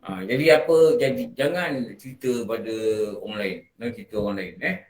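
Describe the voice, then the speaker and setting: A man's voice: fairly low pitch, lively intonation, brisk. A man with a Malaysian Malay accent gives a morning religious lecture in a prayer hall, talking conversationally and often asking his listeners questions. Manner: conversational, asks the audience questions. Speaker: religious teacher.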